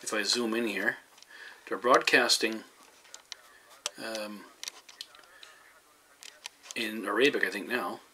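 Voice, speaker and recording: A Canadian hobbyist vlogger gives a casual, rambling demonstration at a radio receiver indoors, sounding hesitant. His lowish voice is steady and sharp, slow, with frequent pauses. The low-quality clip comes from a handheld camera microphone, with faint noise behind.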